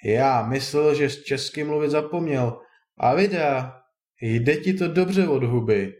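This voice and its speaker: A man's voice: medium pitch, darkish tone, close to an everyday voice. A man voicing a plain-spoken, grumbling peasant father in a storybook reading. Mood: gruff. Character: gruff old peasant father, blunt.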